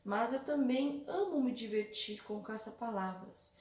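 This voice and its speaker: A woman's voice: on the high side, a little slow, darkish tone, recorded from a distance, natural voice. A woman reading aloud as a cheerful little cartoon girl who loves eating, in a friendly storybook way for children. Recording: echoey room, voice set back from mic.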